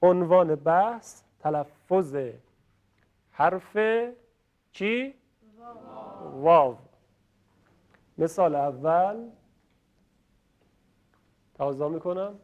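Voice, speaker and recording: A fairly high-pitched man from Iran leads a recitation lesson. He patiently models each sound and has his viewers repeat it. The recording is dull and lo-fi. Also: pauses often, a little mellow. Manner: patient, demonstrates pronunciations, asks viewers to repeat. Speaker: Quran recitation teacher. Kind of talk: classroom-style lesson.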